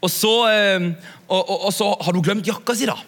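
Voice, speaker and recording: A young man preaching to a youth audience in a relaxed, chatty way, often asking his listeners to agree. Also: high-pitched. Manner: chatty, asks "ikke sant?" often. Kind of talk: sermon. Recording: long hall reverb.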